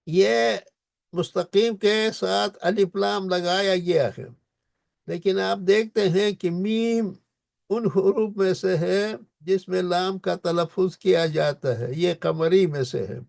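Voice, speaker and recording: A man teaching Quran recitation in a lecture, explaining pronunciation and drawing out the verses slowly. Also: high voice, vocal fry, a little mellow, no echo, studio quality.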